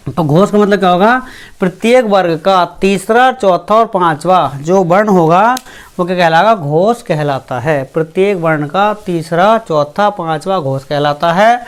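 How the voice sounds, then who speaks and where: A teacher giving a grammar lesson, who asks the class questions, answers them itself, repeats each point and slowly sounds out each letter. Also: mid-range voice. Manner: repeats points and fills with "theek hai".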